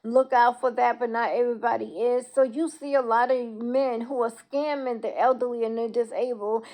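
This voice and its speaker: A woman with toothless, lisping, slightly slurred articulation gives a candid, emphatic opinion in a casual live video monologue. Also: on the high side. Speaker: social media video creator.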